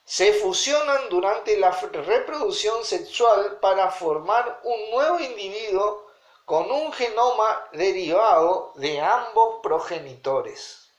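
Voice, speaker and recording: A man's voice: high-pitched, animated, takes it slowly. A man, teaching a Bible study and checking in with his listeners often. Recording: roomy echo.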